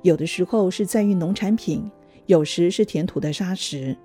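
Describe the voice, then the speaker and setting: A woman reading a children's story aloud in a gentle, even manner. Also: on the low side, moderate pace, breathy edge, soft background music. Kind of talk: scripted storybook narration.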